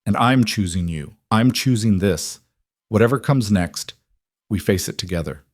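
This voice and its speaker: A man voicing a determined, defiant grown man in a read-aloud story, speaking in a firm, steady way. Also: fairly low pitch, moderate pace, no echo, studio quality.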